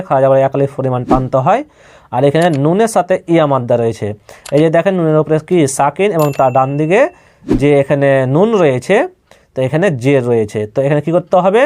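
A man teaching Quran reading, spelling out each letter slowly, then saying the word and repeating it, and asking listeners quick questions that he answers himself. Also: fairly high pitch, darkish tone. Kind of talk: slow spelled-out recitation lesson.

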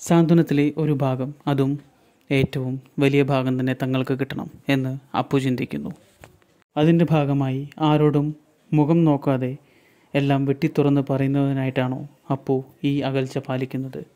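Man, narrator, serial episode retelling, dramatic storytelling, mellow dark tone. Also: medium pitch, flat delivery, normal speed.

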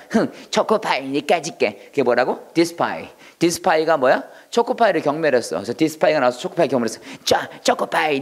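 A man teaching English vocabulary in a video lesson, repeating words slowly and acting out little taunts. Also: fairly high pitch.

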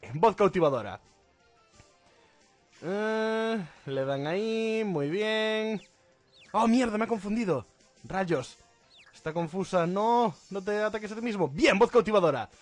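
A man's voice: high-pitched, lively intonation, measured pace, long pauses, faint music behind. A man giving joking let's play commentary, often breaking into laughter. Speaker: gaming YouTuber.

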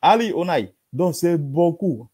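A man's voice: on the high side, lively intonation, unhurried, dark tone, breathy edge. A man hosting a polemical commentary, reading out verses and rebutting them in an emphatic, repetitive way with dismissive asides.

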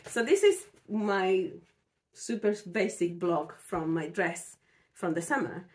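Woman vlogger, hoarse from a cold, slightly low, lively pitch; casual, rambling sewing chat. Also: takes it slowly. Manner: chatty, rambling with fillers and restarts.

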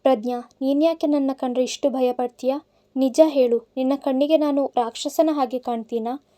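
Give me a woman playing a drunk, childlike man in his twenties, mellow and high. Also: steady tone, normal speed. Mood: sulky. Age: 20s. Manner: rambling, sulky, innocent pleading. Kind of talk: audiobook character voice.

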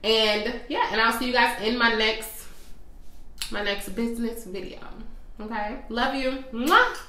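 A woman's voice: fairly high pitch, fairly even intonation, a little slow, bright, forceful tone, reverberant. A young woman who owns a small business, talking casually and directly to her viewers in a friendly, chatty way with plenty of fillers. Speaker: small business owner and coach. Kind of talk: casual vlog talk to viewers.

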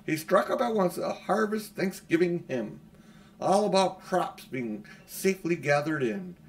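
A middle-aged man works as an audiobook narrator, reading a children's storybook aloud in a small furnished room at home. His voice sits high and sounds animated, with a measured pace.

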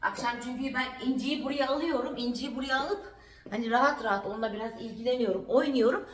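A woman's voice: sits high, fast. A woman from Turkey chatting casually to camera at home in a daily vlog, talking to her puppy in a cooing voice and repeating herself. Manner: chatty, cooing baby talk to her dog, repeats phrases. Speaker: vlogger. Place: at home indoors.

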